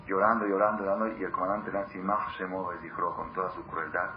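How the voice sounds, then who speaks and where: A low-voiced man gives a Torah class before a live audience, talking quickly in a flat delivery while hammering points by repetition and posing questions to those listening. Background noise is clearly audible in the dull, lo-fi recording.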